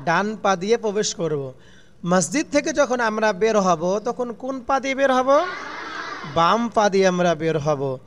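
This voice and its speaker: A man's voice: high-pitched, expressive, a little slow, slight background noise. A man teaching children a religious lesson, asking questions and answering them himself in a falling tone, call-and-response style.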